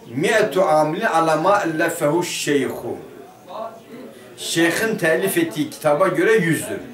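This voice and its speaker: Male teacher, higher voice, leads a grammar lesson and quizzes the class, heard from across an echoey room. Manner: asks the class questions and answers them himself. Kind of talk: Turkish madrasa lesson explaining a grammar text. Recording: roomy classroom picked up from a distance.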